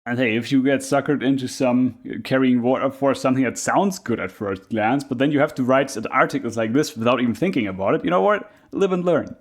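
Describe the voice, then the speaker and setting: Man, mid-range voice, streamer, casual reaction commentary, laid-back, rambling, unbothered. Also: medium pitch.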